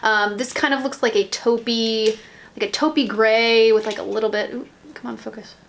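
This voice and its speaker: A woman's voice: a little high, steady tone, normal speed, vocal fry, slight background noise. An American woman chatting casually about nail polish, rambling, with lots of ums and restarts. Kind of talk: casual haul chat.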